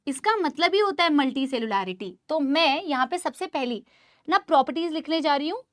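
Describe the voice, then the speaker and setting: A woman teaching biology in a live online class, animated, quizzing students and calling them beta and bhaiya. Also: high voice, fairly quick, no room sound, clean studio sound. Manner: asks the class many questions. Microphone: studio mic.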